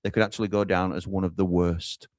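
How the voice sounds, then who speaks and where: A man hosts a live football watchalong in a low voice. He reads out viewer comments and hands over to reporters at the grounds. The sound is close and dry. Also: flat delivery, fast, darkish tone, no echo. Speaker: watchalong host.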